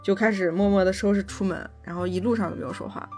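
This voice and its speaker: A woman co-hosting a chatty podcast, recounting a story with lots of fillers, self-corrections and casual swearing. Her pitch sits in an ordinary middle range. Faint music plays softly behind her. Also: fairly even intonation, fast. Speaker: podcast co-host.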